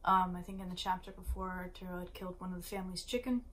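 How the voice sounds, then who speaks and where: Woman reading a novel out loud, trips on words sometimes and restarts, drops little side comments. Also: lowish voice, level tone, fast talker, slight background noise, rough recording. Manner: occasional slips and restarts, brief asides. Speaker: reader.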